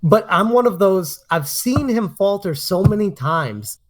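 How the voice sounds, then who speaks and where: A man's voice: high voice, expressive, measured pace, slight background noise. A man hosting a podcast, giving casual commentary and emphatically repeating his points. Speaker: podcast host.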